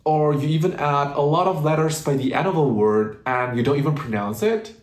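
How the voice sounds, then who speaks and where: A man explaining pronunciation in a video lesson, patiently slowing down to demonstrate words. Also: on the high side, slight background noise. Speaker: language teacher. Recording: roomy, echoey room.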